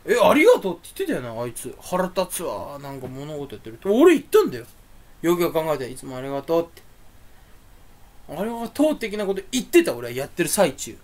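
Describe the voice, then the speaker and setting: Rambling solo to his audience, a young streamer grumbles and rants, breaking into sudden loud bursts. His pitch jumps around in a lively, animated way, and his voice carries a natural angry edge even when he isn't upset.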